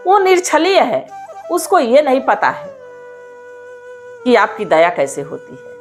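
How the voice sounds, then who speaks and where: A woman voicing a meek, devoted young daughter-in-law who pleads and prays gently. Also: high-pitched, huge pitch swings, slow pace, soft background music, exaggerated voice. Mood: praying.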